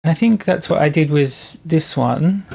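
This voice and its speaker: There's slight background noise as a young adult music producer streams live, chatting haltingly with viewers and thinking aloud over the tracks. The voice sits mid-range, gravelly and dark.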